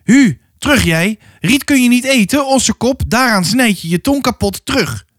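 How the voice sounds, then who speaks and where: A man voicing a rough young male cattle drover who shouts coarsely. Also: medium pitch, big pitch swings, unhurried, no echo, clean studio sound. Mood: shouting.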